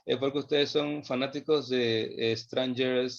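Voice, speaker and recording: A man's voice: medium pitch, steady tone, gravelly. Man, theology lecture, emphatic delivery, muffled recording. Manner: slow, emphatic, repeats phrases while thinking. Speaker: theology teacher. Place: online class session.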